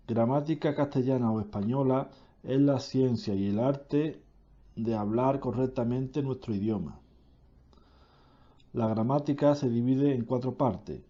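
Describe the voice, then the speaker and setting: A man reading a grammar lesson aloud, slowly and deliberately, correcting himself now and then. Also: medium pitch, warm tone, dull audio.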